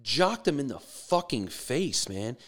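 A man's voice: medium pitch, very animated, takes it slowly, fairly bright tone. A man ranting about baseball in a heated, profane, swaggering way, swearing freely. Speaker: sports commentator. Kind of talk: profane sports rant.

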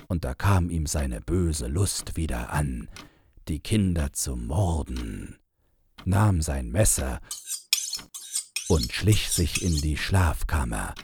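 A very deep, soft, dark male voice narrates a fairy tale. He paces each phrase deliberately, in the manner of a measured storyteller. Faint background noise can be heard.

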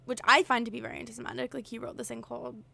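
A woman's voice: on the high side, little pitch movement, rapid-fire, creaky, bright, forceful tone, slight background noise. A woman co-hosting a podcast, rambling and searching for her words with lots of fillers. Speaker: podcast co-host. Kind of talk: casual conversation.

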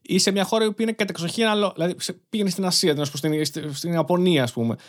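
A young man hosting a casual podcast, relaxed and agreeable, laughing along with his guest. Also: sits high. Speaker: podcast host.

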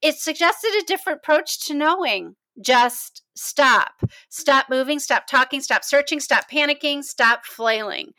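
A woman co-hosts a relaxed book discussion in a high, bright voice. She tells her stories with animation and laughs often. The sound is close and dry. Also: a little slow, hardly any pauses, dry recording. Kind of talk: casual chat.

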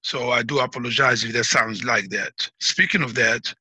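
A middle-aged Algerian man speaks in a casual interview, his mid-range voice husky and sharp in tone at a normal speed, with no room sound. He explains things the way a teacher would, sounding proud and emphatic.

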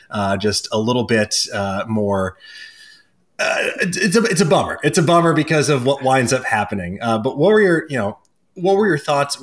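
A man's voice: on the low side, a bit bright. A man hosting a podcast, talking casually with many hesitations before he passes questions to his guests. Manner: hesitant, filler-heavy, hands off questions. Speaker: podcast host. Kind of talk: casual chat.

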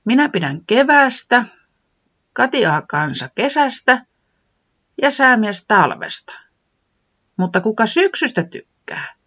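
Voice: medium pitch, pauses often, breathy edge, muffled recording, voice pushed up, full character voice. A storyteller voicing a bubbly, bossy garden creature who loves spring, in a children's storybook reading. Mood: excited. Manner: bright, bossy, excited.

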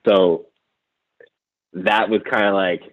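A man's voice: low voice, fairly even intonation, takes it slowly, no echo. A young man telling his story as an interview guest, reflective and full of fillers and restarts. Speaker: interview guest, former college lacrosse player. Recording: tinny phone-line sound.

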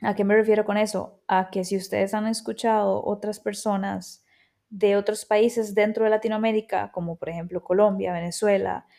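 A woman's voice: medium pitch, little pitch movement, vocal fry, warm tone. A woman, telling her life story in a candid, reflective way on her own show. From Argentina, raised in Costa Rica. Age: 30s. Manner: reflective, candid, with pauses and restarts. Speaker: podcast host. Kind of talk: personal storytelling monologue.

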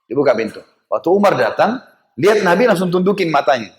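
A man preaching in a storytelling sermon, animated and acting out the voices of the people in the story. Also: fairly high pitch, fast.

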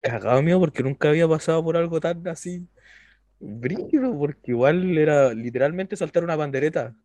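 A young adult Chilean man co-hosting a casual podcast, relaxed and slangy, telling childhood stories. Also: a little high, brisk, no echo. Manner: relaxed, laughs often, slangy. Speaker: podcast co-host. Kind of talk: casual chat.

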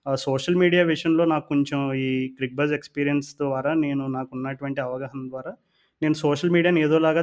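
A man with a Telugu accent chats as a podcast co-host, explaining things hesitantly in winding sentences full of mixed-in English words. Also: a little high. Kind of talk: casual podcast talk in Telugu-English mix.

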